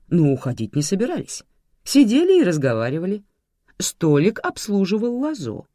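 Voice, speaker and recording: A narrator reading a story aloud in an expressive way. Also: medium pitch, no room sound, studio quality. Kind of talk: audiobook narration.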